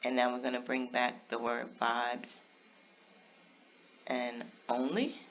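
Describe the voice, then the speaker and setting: Guy explaining a craft tutorial step by step, bright sharp voice, kinda muffled lo-fi audio. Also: medium pitch, completely flat delivery, slow pace, slight background noise. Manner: casual step-by-step explaining, talks to viewers directly. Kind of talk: screen-recorded software tutorial narration.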